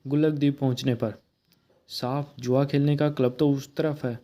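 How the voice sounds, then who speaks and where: A man reading a comic book aloud, narrating and voicing every character in a plain, steady way. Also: mid-range voice, normal speed.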